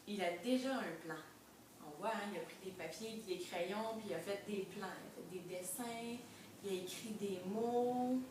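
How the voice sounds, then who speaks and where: A woman with a Québécois accent reading a storybook aloud to young children as a lively lesson, often stopping to question them and encourage them. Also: mid-range voice, normal speed. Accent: Québécois French. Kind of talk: interactive read-aloud lesson. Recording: echoey room from far off with background noise.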